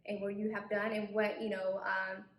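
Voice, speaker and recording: A woman's voice: mid-range voice, level tone, normal speed. A woman in her late twenties hosting a casual interview for her channel, friendly and chatty, with lots of fillers. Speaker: channel host. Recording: echoey room.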